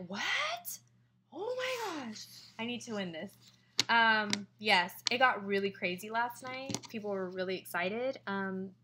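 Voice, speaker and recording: A young woman chatting to camera about a party she hosted, excitable and full of fillers. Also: mid-range voice, slight background noise. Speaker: direct sales consultant sharing party tips. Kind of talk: casual vlog monologue.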